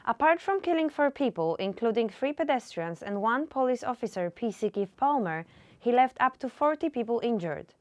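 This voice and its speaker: A woman's voice: on the high side, sing-song, normal speed, no room sound. A young woman reporter reading a scripted news report in a careful, read-aloud manner. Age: young adult.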